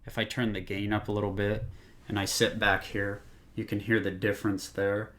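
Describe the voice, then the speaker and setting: Man, low voice, casual rambling tech demo, desk condenser mic, home room. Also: level tone, normal speed, fairly bright tone. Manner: easygoing, rambling, lots of fillers. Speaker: tech reviewer. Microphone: condenser desk microphone, distance changing.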